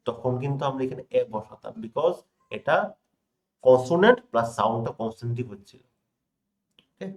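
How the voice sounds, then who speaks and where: A young man from India teaching an English grammar lesson, stressing key words, reading example sentences slowly and often asking his students if they follow. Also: medium pitch. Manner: checks in often with rhetorical questions to students. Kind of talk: classroom lesson explaining examples.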